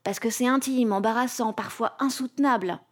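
A woman's voice: on the high side, a little fast. A woman from France hosting a podcast, reading a scripted, playful commentary in punchy rhythmic lists. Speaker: podcast host. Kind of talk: scripted comic narration.

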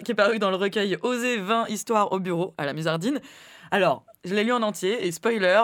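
A woman's voice: mid-range voice, no echo, studio quality. A woman co-hosting a casual radio show, reading a cheeky quiz in a playful, teasing way. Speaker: co-host.

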